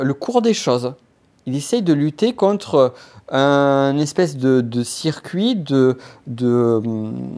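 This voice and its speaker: A man's voice: mid-range voice, darkish tone. A man hosting a solo business podcast, talking casually to the listener with frequent restarts and hesitations. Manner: hesitant, many restarts and fillers; addresses listener informally. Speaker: podcast host.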